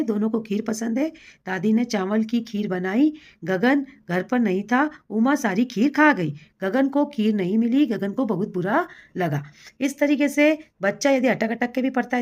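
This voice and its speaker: A woman teacher explaining a classroom assessment to fellow teachers, patient and steady, and slowing down to read out words for dictation. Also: a little high. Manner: patient, addresses listeners as colleagues, reads words slowly for dictation. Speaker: primary school teacher.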